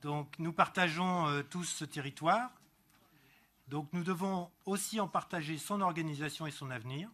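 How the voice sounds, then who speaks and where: At a council meeting, an elected councillor gives a prepared political speech in a deliberate, didactic style, driving points home with emphatic repetition. His voice is on the high side, bright and forceful.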